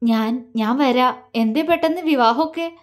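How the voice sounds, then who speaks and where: Woman voicing a heartbroken young woman, high voice, tearful, stammering, audio story heroine. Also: measured pace.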